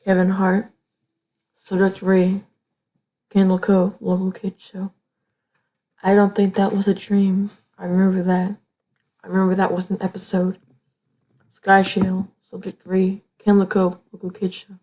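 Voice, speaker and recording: A woman reading a horror story aloud, sometimes dropping into a hush on the eerie lines. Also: mid-range voice, completely flat delivery, unhurried, long pauses, poor audio. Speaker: reader. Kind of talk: scripted horror narration.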